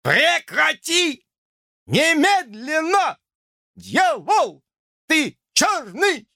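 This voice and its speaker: A man voicing a ragged, indignant male tramp in a shrill, squawking voice in an audiobook. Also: big pitch swings, normal speed, pushed and bright, no room sound, studio quality, exaggerated voice. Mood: outraged.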